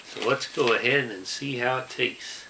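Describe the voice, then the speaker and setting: A man in his forties hosting a product review, deadpan, measured and halting. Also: medium pitch, creaky. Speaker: host, snack reviewer. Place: small room indoors. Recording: roomy with background noise.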